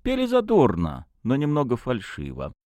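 Telling the story expressively, this man narrates an audiobook at normal speed. His pitch is medium, and there's no echo.

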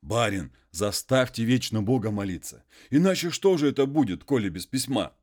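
A man voicing an illiterate peasant man who wheedles and pleads in folksy, drawn-out speech. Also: medium pitch, lively intonation, a little mellow, pitched above the performer's own voice, lightly acted. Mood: pleading.

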